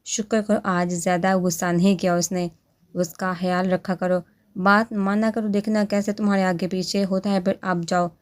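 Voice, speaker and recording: A woman's voice: on the low side, level tone, moderate pace, natural voice. Woman reader as an elderly grandmother, firm and coaxing, audiobook. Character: kindly old grandmother giving firm advice.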